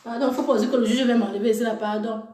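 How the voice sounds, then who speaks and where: A woman's voice: on the high side, steady tone, quick pace, warm tone, roomy sound. A woman commenting on a clip in a teasing, scolding way, laughing in between. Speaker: video commentator. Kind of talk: mocking reaction commentary.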